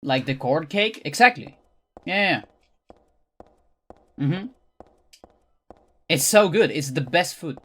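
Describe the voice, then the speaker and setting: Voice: medium pitch, expressive, takes it slowly, long pauses, fairly bright tone, slightly rough. A streamer from Chile with a Chilean accent and Spanish as a first language, chatting casually and teasingly while playing a game. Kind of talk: casual livestream chat while gaming.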